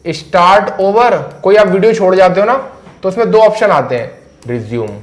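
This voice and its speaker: A man teaching English pronunciation at a board in a chatty, jokey way, repeating key words to drill them. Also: high-pitched. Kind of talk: casual classroom lesson at a board.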